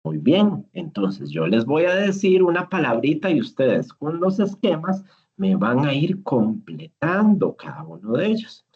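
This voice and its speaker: A man's voice: a little high, wildly swooping pitch, unhurried, a little mellow, slightly rough. A man leading a simulated classroom lesson as a teacher, patient and encouraging, praising each answer. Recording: dull lo-fi recording.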